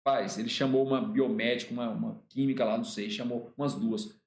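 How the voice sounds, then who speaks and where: A man's voice: mid-range voice, fairly even intonation, a little fast, darkish tone. A man with a Brazilian Portuguese accent, a law teacher, tells a personal anecdote in a colloquial way, acting out the dialogue and repeating words. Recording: roomy echo.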